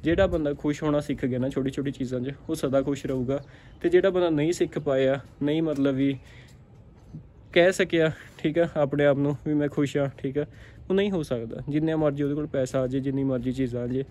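A man's voice: a little high, fairly even intonation, fast, warm tone. A man with a Punjabi accent, a dairy farmer giving a casual motivational talk to camera, repeating himself and checking in with "theek aa". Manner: repetitive, keeps asking "theek aa".

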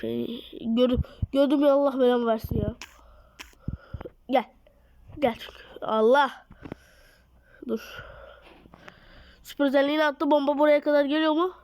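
A woman giving excited live commentary on a mobile game, her voice a little off from being ill, recorded on a phone mic. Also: sits high, fast talker, a little hiss or hum, low-quality recording. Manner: excitable, urges and scolds the game, drops to mutters. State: slightly ill voice. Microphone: phone mic via screen recorder.

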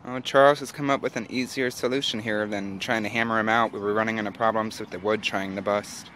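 A man with a lowish voice talks fast and casually, full of "uh" and "um," as he films his DIY cabin build, narrating like a home video. He moves from the backyard into a small wooden cabin, and the audio has a little hiss or hum.

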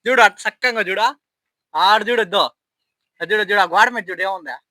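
A man filming a prank vlog on a phone at home, loudly and insistently calling out to his friend and teasing him. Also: high-pitched, quick pace, rough recording. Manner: loud, insistent, repeats calls and commands. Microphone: phone camera.

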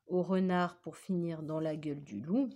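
A woman's voice: fairly low pitch, steady tone, normal speed, mellow, highs cut off, close to an everyday voice. A woman voicing a small, fretful hen in a storybook, in a whining, lamenting tone.

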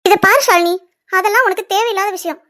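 A jealous, hot-tempered young woman in a cartoon serial. Her voice is very high, and she accuses and stands her ground. There is indignation in every line. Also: fast talker, pushed and bright. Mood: indignant.

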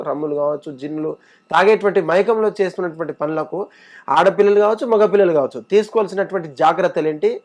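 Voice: medium pitch, a little mellow. A TV anchor in a studio interview, asking long questions built from strings of repeated phrases.

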